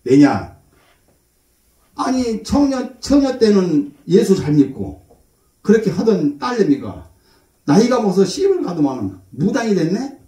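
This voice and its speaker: Middle-aged male pastor, folksy storyteller, high lively voice, far off in an echoey hall. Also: unhurried, pauses often. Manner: folksy storytelling, acts out his mother's voice. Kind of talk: sermon. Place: church.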